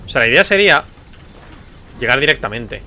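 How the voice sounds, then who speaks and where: A man's voice: mid-range voice, lively intonation, a little fast, pushed and bright, a little hiss or hum. A man from commentating his gameplay, frustrated, muttering and swearing. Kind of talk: let's play commentary. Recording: faint music behind.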